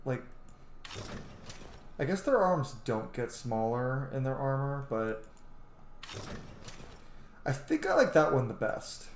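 A gaming streamer in his thirties thinks aloud while he plays a video game, giving casual let's-play commentary from a room at home. His mid-range voice is sing-song and slow, with frequent pauses. The sound is roomy, with faint background noise.

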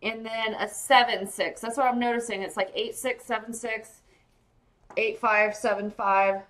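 A woman's voice: fairly high pitch, steady tone, a little slow, a bit bright, rough recording. A woman hosting a live pearl-opening sale, chatting casually and gushing to viewers by name. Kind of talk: casual live-stream sales chat.

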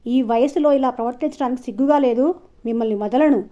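A woman's voice: fairly high pitch, quick pace, mellow, lo-fi sound, natural voice. A woman storyteller voicing a hostile young man who hurls accusations and threats. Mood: angry.

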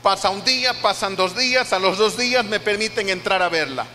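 An older man with a Costa Rican accent preaches a heartfelt testimony, repeating phrases as he tells it. His voice sits high and bright. Long church-hall reverb with a faint hiss behind him. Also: fairly quick. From Costa Rica. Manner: emotional storytelling with repeated phrases. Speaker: pastor. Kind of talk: sermon testimony.

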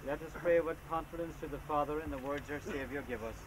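Solemn priest praying at an outdoor graveside. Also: male voice, on the high side, over a noisy crowd. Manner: measured, formal liturgical delivery. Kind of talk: solemn funeral prayers read at a graveside. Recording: noisy, windy outdoor camcorder recording.

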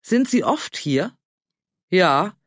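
A man voicing a fussy, anxious older man who pleads and frets in a high voice. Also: very animated, extremely slow, fairly bright tone, no echo, clean studio sound, exaggerated voice. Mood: eager.

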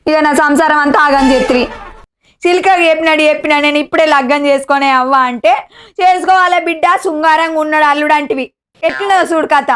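A woman acting a village wife in a comedy short film, scolding and quarrelling loudly. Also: sits high, quick pace. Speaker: actress playing a village wife.

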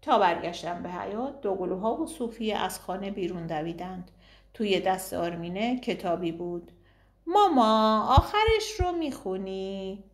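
Woman audiobook narrator, calm storytelling, roomy echo. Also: fairly low pitch. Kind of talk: novel reading.

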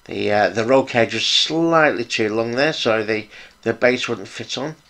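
A man's voice: medium pitch, unhurried, fairly bright tone. A middle-aged British man casually narrating a hands-on hobby build vlog in an informal, appreciative, chatty way. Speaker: hobby video host, model car builder.

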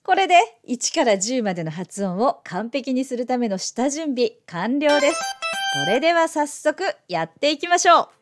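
Brief: female English teacher, playful coaxing pronunciation lesson, lively intonation. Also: moderate pace, over music. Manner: animated, lively pitch.

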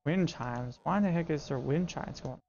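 An excitable male streamer with a fairly high voice, narrating a horror game live in a slangy way and talking back to the ghost. The audio is dull and lo-fi, with faint noise. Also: normal speed. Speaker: gaming streamer. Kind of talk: live gameplay commentary.

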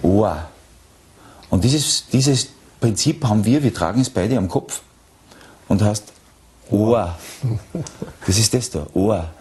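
A man's voice: fairly low pitch, expressive, slow pace, pauses often, darkish tone. A man in a recorded talk, explaining ideas step by step and posing questions to his listener. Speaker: speaker in a played recording.

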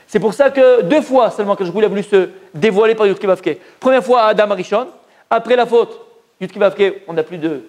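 High-voiced rabbi teaching a lively class. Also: male voice. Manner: lively, questioning the audience, mixing Hebrew terms into casual speech. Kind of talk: informal Torah lesson to a live group.

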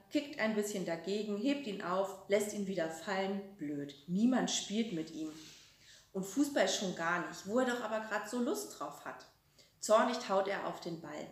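A woman reading a children's story aloud, telling it in a calm, expressive way. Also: medium pitch. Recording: roomy echo.

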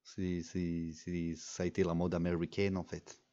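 A man's voice: deep voice, monotone, normal speed, dark tone, dull audio. A young man giving casual, rambling commentary over a mobile game, full of fillers and restarts. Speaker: gaming video creator.

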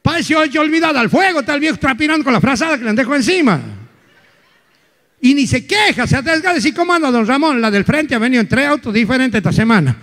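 A man with an Argentine accent doing live stand-up comedy, telling stories in loose slang with sudden shouts. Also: very high-pitched, animated, quick pace. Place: theater stage. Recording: live hall with long reverb.

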